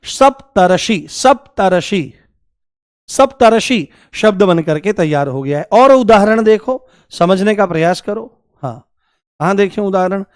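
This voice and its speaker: A young man leads a grammar lesson in a high, clear voice, firing rhetorical questions at his class and stretching each answer out in a sing-song way. The sound is dry and close. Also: a little mellow, no room sound. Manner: repeats key answers in a drawn-out, sing-song way. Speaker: Hindi grammar teacher. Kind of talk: classroom lecture.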